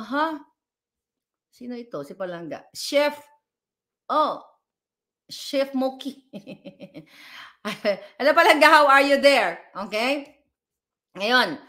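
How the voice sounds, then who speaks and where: A woman's voice: a little high, pushed and bright. A woman giving emphatic live vlog commentary, speaking directly to her viewers and reading their comments aloud. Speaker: political vlogger.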